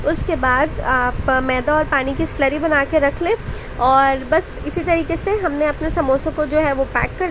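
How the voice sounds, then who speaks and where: A woman's voice: high voice, noisy background. A woman hosting a cooking channel, narrating a recipe step by step in a voice-over with friendly tips for viewers.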